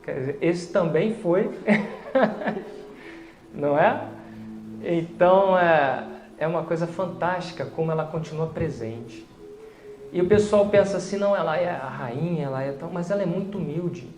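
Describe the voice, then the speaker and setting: Brazilian man, raised pitch, roomy echo. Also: moderate pace, soft background music. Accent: Brazilian Portuguese. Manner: conversational, animated retelling with quoted dialogue. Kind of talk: storytelling testimony.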